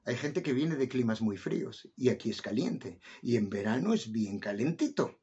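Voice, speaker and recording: Husky man chatting to his viewers. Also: mid-range voice, animated, normal speed, warm tone. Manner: conversational, addresses viewers directly with questions. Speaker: vlogger explaining life in the country. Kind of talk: casual explanatory talk to viewers. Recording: dull lo-fi recording.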